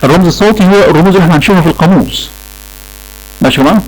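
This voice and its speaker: A man's voice: high voice, very fast, rough recording. A man with an Egyptian Arabic accent lecturing a class on English pronunciation, repeating key points and checking in with the students. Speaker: English teacher.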